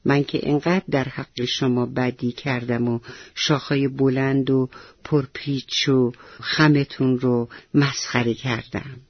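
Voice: medium pitch, flat delivery, breathy edge, no echo, highs cut off, pitched below the performer's own voice. Tootie, a chatty stubborn parrot lady told in a storyteller's voice. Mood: ashamed. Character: talkative female parrot, stubborn, fond of her nest.

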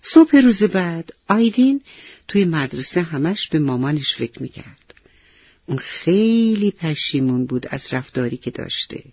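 Breathy woman telling a children's story. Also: deep voice, dry recording, lo-fi sound. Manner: addresses children directly, expressive.

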